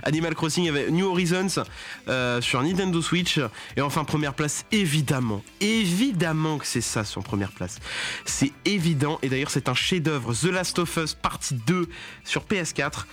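A man's voice: a little high, lively intonation, normal speed, fairly bright tone, soft background music. Rambling young man hosting radio. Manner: rambling, many fillers, joking exasperation. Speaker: radio show host. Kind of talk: casual radio chronicle.

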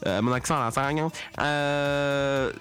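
A man's voice: mid-range voice, steady tone, slow pace, a bit bright. A young man hosting a casual radio segment, rambling with many fillers and joking exasperation. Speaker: radio show host.

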